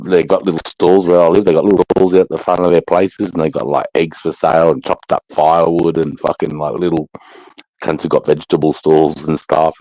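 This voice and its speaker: Deep-voiced blokey Australasian man, slangy. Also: warm tone, no room sound. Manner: blokey, slangy, swears freely. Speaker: host of a live chat. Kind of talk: casual chat. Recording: dull lo-fi sound.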